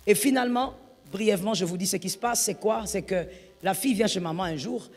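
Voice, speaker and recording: A woman pastor preaching a sermon, telling a story and acting out its people, moving between hushed and loud. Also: mid-range voice, fairly quick, breathy edge. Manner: acts out the people in her stories, swinging between hushed and loud. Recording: reverberant hall with soft music behind.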